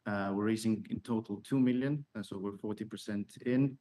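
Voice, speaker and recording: Male founder in Q&A, lower register, explanatory, halting phrasing. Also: dark tone. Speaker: startup founder. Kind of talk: answering investor questions.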